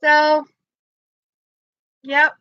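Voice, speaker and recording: A Danish woman in her fifties speaks very slowly in simple, halting English as she chats with viewers on a live crafting stream. Her voice is high and bright, recorded dry and a little dull, as if through a basic stream setup. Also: monotone, no room sound. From Denmark. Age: 50s. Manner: halting, simple English, greets viewers by name, laughs often. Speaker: livestream crafter.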